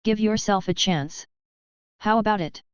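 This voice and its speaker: A woman's voice: medium pitch, unhurried, clear, resonant tone, dry recording, highs cut off, close to an everyday voice. A woman voicing a cheerful, sincere young male team captain in an audiobook. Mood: friendly. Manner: friendly, sincere, encouraging.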